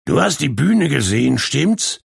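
A man's voice: mid-range voice, sing-song, measured pace, vocal fry, breathy edge, dry recording, clean studio sound, voice pushed up, heavily acted. A man voicing Borke, a tender-hearted male animal who talks in a hesitant, choked-up way in a storybook. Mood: sad.

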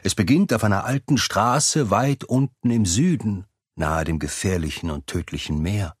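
A man playing a mysterious, brooding fireside storyteller with a dark past, telling a scripted tale ominously with dramatic pauses and a husky voice. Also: fairly low pitch, no echo, clean studio sound. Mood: grave, foreboding.

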